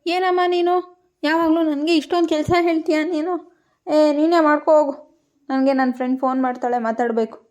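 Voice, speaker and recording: A woman's voice: sits high, steady tone, quick pace, a little mellow, natural voice. A woman voicing a sulky teenage daughter in a cartoon, whining and complaining. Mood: whiny. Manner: whiny, complaining.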